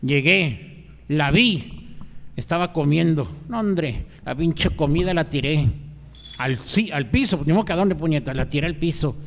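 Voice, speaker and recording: A man's voice: on the high side, lively intonation, a little slow, creaky, a bit bright, big-room sound, voice pushed down, heavily acted. A man doing a crude randy old grandpa. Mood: bawdy boasting. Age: older. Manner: bawdy, boastful punchline delivery. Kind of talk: stand-up comedy double act. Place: stage or restaurant venue.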